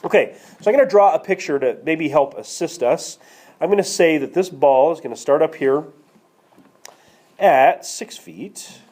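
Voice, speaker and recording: A man's voice: fairly high pitch, moderate pace, darkish tone. A man teaching a math class, walking students through a problem and checking in with them, with a cough now and then. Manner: checks in with students, asks questions. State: coughing, slightly hoarse. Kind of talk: classroom lecture screencast. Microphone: tablet screencast mic.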